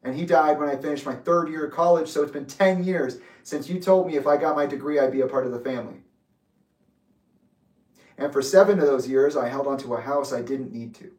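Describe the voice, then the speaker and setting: A man in his late twenties giving an intense, accusatory personal reflection, speaking deliberately. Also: mid-range voice, a little mellow. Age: 20s. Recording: echoey room, distant mic.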